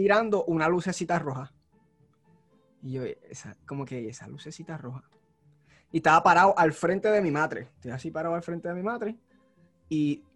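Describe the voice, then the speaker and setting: A man with a somewhat high voice recounts a story on a casual podcast, animated and dramatic in how he tells it. Faint music sits under his voice. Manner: animated storyteller, acts out shouts. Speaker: podcast co-host.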